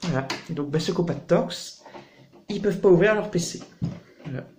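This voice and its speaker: A man talks his way through a hands-on computer repair, chatty and loose, leaning on everyday comparisons to explain things. His voice sits a little higher than most men's. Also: brisk, darkish tone, slight background noise. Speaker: computer hardware tutorial host. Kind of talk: casual hands-on tutorial.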